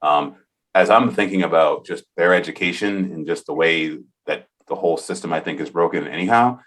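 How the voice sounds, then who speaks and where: Deep-voiced earnest male podcast host. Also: brisk, fairly bright tone. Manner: earnest, enthusiastic, thinks aloud. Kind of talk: casual interview conversation.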